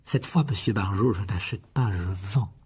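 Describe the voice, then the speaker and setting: A man's voice: fairly low pitch, moderate pace, darkish tone, slightly rough. A man playing a cold, haughty aristocrat. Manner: cold, clipped and condescending.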